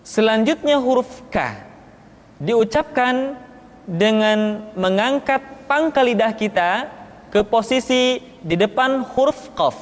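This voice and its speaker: A woman gives a pronunciation lesson at a very unhurried pace, drawing out each drilled syllable with careful emphasis. Her voice rings with a long, hall-like reverb. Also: fairly high pitch. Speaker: Quran reading teacher.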